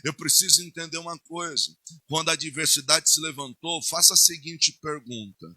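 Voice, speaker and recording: A male pastor with a Brazilian Portuguese accent preaching a sermon, swinging between loud declarations and hushed asides. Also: fairly high pitch, normal speed, breathy edge, no echo.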